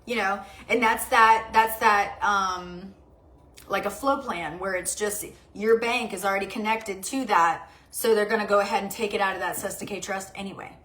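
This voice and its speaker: A woman's voice: mid-range voice, fairly even intonation, normal speed, a bit bright. A woman vlogger in casual chat, rambling and confiding, often stuttering and restarting her sentences.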